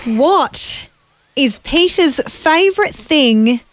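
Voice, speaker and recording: Slow, giggly radio hostess. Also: female voice, sits high, expressive, no room sound. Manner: giggly, drawn-out quiz host delivery. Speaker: radio co-host. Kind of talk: breakfast radio banter. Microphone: studio microphone.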